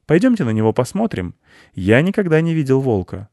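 A man's voice: medium pitch, big pitch swings, brisk, dark tone, no echo, clean studio sound, pitched above the performer's own voice. A man voicing a curious, earnest young boy in an audiobook. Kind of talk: audiobook character voice.

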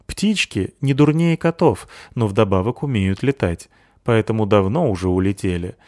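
Lively male storybook narrator, low voice. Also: normal speed, no room sound, clean studio sound. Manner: lively, expressive reading.

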